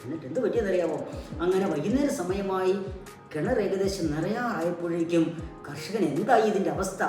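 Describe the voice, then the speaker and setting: A low-voiced woman, a puppet show host and storyteller, tells a children's story the way a teacher would, asking prompting questions and repeating key words. She speaks at a moderate pace with a mellow tone. The recording is very echoey and distant from the mic, with music in the background.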